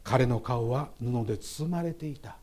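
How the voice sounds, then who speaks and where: A man's voice: mid-range voice, measured pace, darkish tone. Emphatic man preaching a sermon. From Japan. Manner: emphatic preaching, addresses the congregation often. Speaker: pastor. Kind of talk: memorial service sermon.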